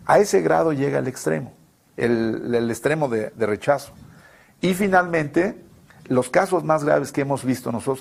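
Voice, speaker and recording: Gravelly husky man explaining. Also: mid-range voice, a little mellow. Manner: measured, explanatory, rhetorical questions. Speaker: legal expert guest. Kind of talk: explanatory talk-show discussion.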